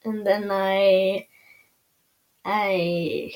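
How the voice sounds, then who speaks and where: Girl, ten, slow and unsure, answers her dad in short bits. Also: mid-range voice, little pitch movement, darkish tone. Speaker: podcast co-host, daughter. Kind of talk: casual family podcast chat.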